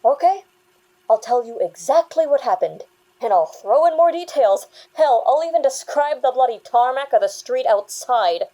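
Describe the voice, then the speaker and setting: Acting in an audio drama, a woman portrays a young female bank worker making a witness statement in a fairly high, soft, somewhat dark voice. Though halting and stammering, she is defiant and insistent, with lively intonation. The recording quality is low.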